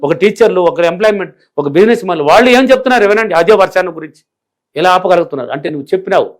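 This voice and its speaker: This middle-aged man, from a village in rural India, has a high-sitting, expressive voice and talks at a racing speed. Answering interview questions as a spiritual teacher, he repeats and stresses each point emphatically.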